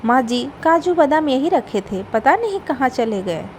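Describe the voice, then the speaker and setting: A gentle elder daughter-in-law from a moral story, read by a woman narrator. She speaks softly and patiently in a fairly high voice, without any anger. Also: big pitch swings, normal speed, slight background noise. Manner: soft, forgiving.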